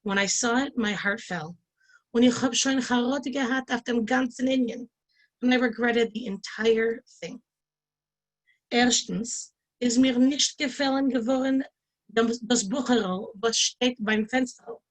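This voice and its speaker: A woman's voice: fairly high pitch, unhurried. A woman, a Yiddish teacher, reading a short story aloud line by line with translations. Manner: reads each line then translates it.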